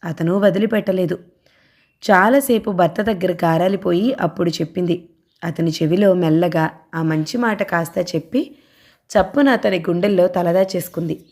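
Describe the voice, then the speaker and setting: A woman reading a romantic audio novel aloud, steady and expressive. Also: lowish voice, moderate pace. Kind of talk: scripted narration.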